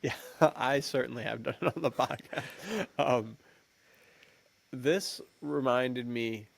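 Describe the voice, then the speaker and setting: A podcast co-host chats casually and informally about films, easygoing and appreciative. His medium-pitched voice is steady and slow with vocal fry, recorded with no room sound.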